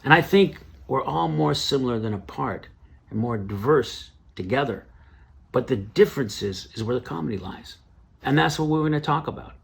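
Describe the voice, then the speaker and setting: Gravelly comedian hosting an awards show. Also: male voice, mid-range voice. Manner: storytelling, punchy delivery. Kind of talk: standup comedy.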